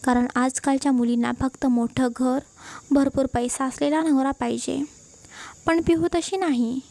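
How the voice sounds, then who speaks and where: A woman voicing a kind old grandmother who heads the family and talks gently with mild teasing. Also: high-pitched, fairly even intonation, a little slow, gravelly, no echo. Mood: affectionate. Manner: gentle, affectionate, mildly teasing.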